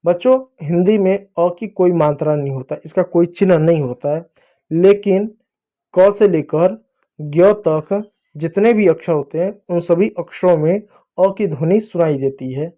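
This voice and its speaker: A man with a high, soft, mellow voice teaches children to read. He draws each sound out slowly and says it again and again so they can repeat after him. His tone is patient and steady, like a classroom teacher. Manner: slow, drawn-out sounding of letters. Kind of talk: explaining to children.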